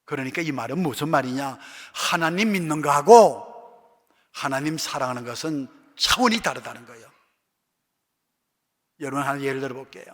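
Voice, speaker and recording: A middle-aged man preaching a sermon as a pastor, dramatic, swinging from loud outbursts to hushed asides. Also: mid-range voice, normal speed, pauses often. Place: church sanctuary. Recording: long hall reverb.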